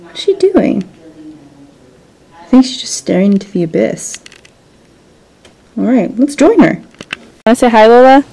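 A woman's voice: fairly high pitch, lively intonation, normal speed, creaky, pauses often, mellow. A young woman vlogging to her camera, chatty and rambling with lots of fillers. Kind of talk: casual vlog chat. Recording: roomy echo.

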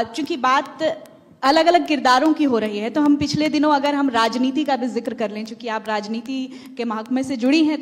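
A young woman anchoring a TV panel, asking polished formal questions into a handheld mic on a stage. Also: high voice. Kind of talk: formal moderating. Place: large stage hall with audience. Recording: long hall reverb.

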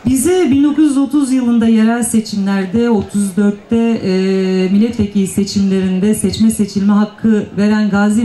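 A middle-aged woman delivers a formal political speech with a fairly high, soft-edged voice. She speaks emphatically into a handheld microphone, repeating phrases for effect, and the public-address sound echoes around her. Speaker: district mayor, panel speaker. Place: panel table on an outdoor stage at night.

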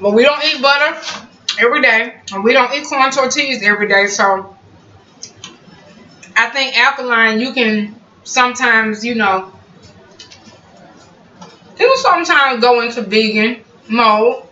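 A woman's voice: on the high side, a little slow, long pauses, pushed and bright, slight background noise. A woman, chatting to her viewers while eating at home, humming over each bite. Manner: chatty, talks to viewers as y'all, savoring bites with hums. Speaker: cooking vlogger. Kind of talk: casual cooking vlog chat. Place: home kitchen. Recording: roomy, distant, muffled home recording.

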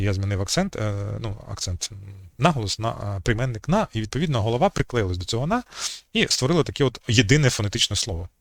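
A man's voice: fairly low pitch, dry recording. A man giving an unscripted talk on language history as channel host, hesitating often with fillers and restarts.

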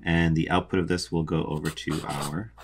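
A young man calmly explains a boat's electrical wiring while drawing a diagram, methodical, with frequent ums. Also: very deep voice, normal speed, background noise. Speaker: sailing vlogger explaining a boat electrical system.

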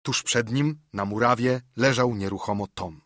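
A man reading a novel aloud as an audiobook narrator in a measured, literary manner. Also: mid-range voice, fairly bright tone, dry recording, clean studio sound. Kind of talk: scripted narration.

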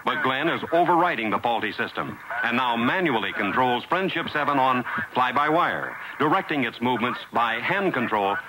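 A man reading dramatic, measured scripted narration as a documentary narrator. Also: medium pitch, lively intonation, noisy background. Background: music.

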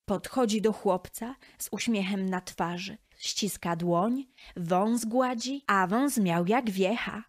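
A woman narrating a rhyming children's story aloud in a slow, expressive, sing-song manner. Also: mid-range voice.

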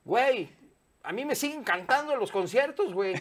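A man in his fifties with a Mexican accent, talking candidly as an interview guest, animated and swearing freely, recorded on a lapel mic in a studio. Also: very high-pitched, moderate pace. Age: 50s. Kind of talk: casual interview chat. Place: studio set with sofa.

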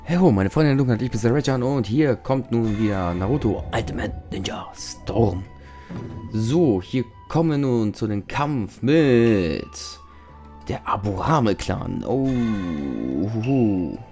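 A young man hosting a let's play, chatting casually and swearing at the game in loud outbursts. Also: medium pitch, animated, measured pace. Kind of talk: casual gameplay commentary. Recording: game music behind the voice.

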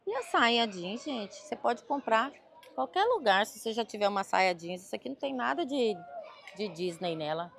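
A woman's voice: fairly high pitch, big pitch swings, moderate pace, gravelly, fairly bright tone. Chatty gushing Brazilian woman vlogger. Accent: Brazilian Portuguese. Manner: chatty, gushing, talks to viewers. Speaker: travel vlogger. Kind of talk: casual shopping vlog.

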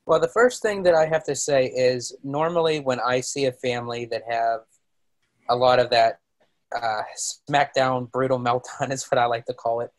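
A man talks casually on a podcast panel. His voice is mid-pitched, and he speaks in a halting, hesitant way. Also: steady tone. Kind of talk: casual chat.

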